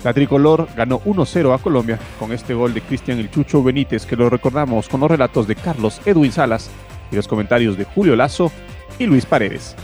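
A man's voice: mid-range voice, animated, a little fast, darkish tone, faint music behind. A man reading scripted sports news as a presenter.

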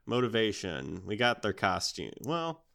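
A man's voice: lowish voice, sing-song, unhurried, creaky, sharp tone. A man co-hosting a podcast, telling made-up stories in a loose, joking, slangy chat. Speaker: podcast co-host. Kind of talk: casual improv storytelling chat.

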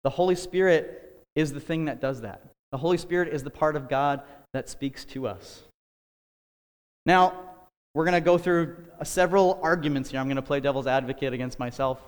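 A man's voice: a little high, normal speed, clear, resonant tone, big-room sound. A man giving an earnest, conversational sermon-style talk on a podcast, with casual asides and fillers. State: out of breath. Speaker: podcast host preaching.

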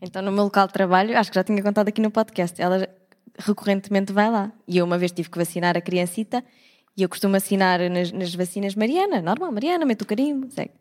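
Young Portuguese woman co-host, chatty and quick, does voices as she tells stories. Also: medium pitch. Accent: European Portuguese. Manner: animated storyteller, acts out voices. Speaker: podcast co-host. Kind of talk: casual chat.

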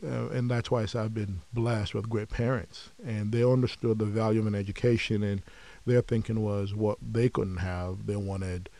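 A man from Nigeria, a podcast guest, telling his story in a measured, reflective way with frequent pauses. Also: lowish voice, little pitch movement, creaky, dark tone. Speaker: podcast guest, company founder. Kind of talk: conversational interview.

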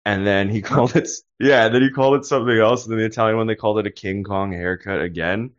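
A man with a very low voice chatting with friends in a relaxed, easygoing way. His audio sounds dull and lo-fi. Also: fast. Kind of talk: casual chat.

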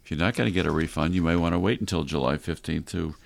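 A man's voice: low voice, fast, gravelly. A man hosting a conversational radio advice show, speaking instructively and straight to the listeners. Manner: instructive, addresses listeners directly.

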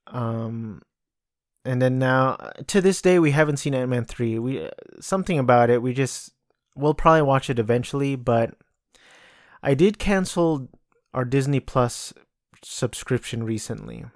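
A man speaks slowly and unhurriedly in a casual solo podcast, his sentences rambling and restarting with lots of filler. His voice sits at an ordinary middle pitch. The sound is dry and close, from a room at home. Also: no echo. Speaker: podcast host. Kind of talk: casual solo movie talk.

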